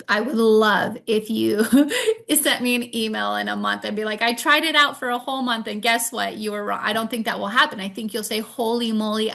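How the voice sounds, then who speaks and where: A woman's voice: medium pitch, creaky, fairly bright tone. A woman presenting an online workshop, upbeat and encouraging, repeating her points for emphasis over a video call microphone. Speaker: webinar presenter.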